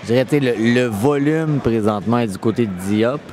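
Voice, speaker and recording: Quebec guy calling a fight casually, medium pitch, repeats himself a bit, crowd behind him. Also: fairly quick. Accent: Quebec French. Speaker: boxing commentator. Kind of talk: live co-commentary, casual analysis. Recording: crowd noise at live event.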